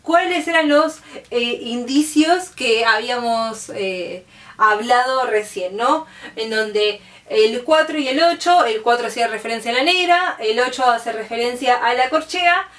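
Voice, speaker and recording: Her voice a little high, slightly slow and fairly bright, an Argentine music teacher walks students through the material step by step. She checks in with "¿sí?" as she goes, patient throughout. The sound is roomy, from a distant mic.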